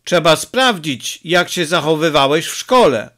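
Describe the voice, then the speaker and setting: A man's voice: on the high side, animated, a little slow, fairly bright tone. A man doing a short-tempered village father. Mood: angry, scolding. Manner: scolding, exasperated.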